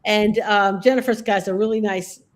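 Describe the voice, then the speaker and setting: A woman's voice: mid-range voice, steady tone, normal speed. A woman who works as a groomer and educator, telling stories in casual conversation and often checking in with "okay?" and "all right?".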